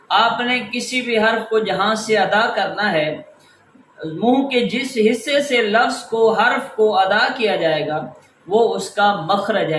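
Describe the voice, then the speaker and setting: A man's voice: sits high, a bit bright, reverberant, slight background noise, rough recording. A man teaching a Quran reading class, patiently explaining step by step and repeating key words. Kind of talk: instructional lesson.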